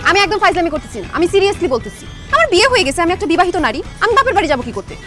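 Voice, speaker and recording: An actress playing a stubborn young bride who talks fast and insists on getting her way, in a comic TV drama. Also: very high-pitched, big pitch swings, a bit bright, soft background music, heavily acted. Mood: insistent. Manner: insistent, bossy, quick.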